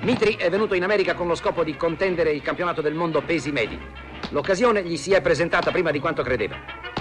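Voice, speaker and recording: Male newsreel announcer from an old archive reel; high, declamatory, over music. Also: lively intonation, fast. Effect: old newsreel soundtrack played back. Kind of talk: 1950s newsreel commentary.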